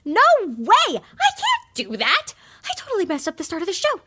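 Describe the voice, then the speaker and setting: A woman's voice: very high-pitched, moderate pace, slight background noise, heavily acted. An actress voicing a nervous, chatty young female pony who suddenly has to host a podcast. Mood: panicked. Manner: flustered, panicky, excitable. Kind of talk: scripted cartoon podcast acting.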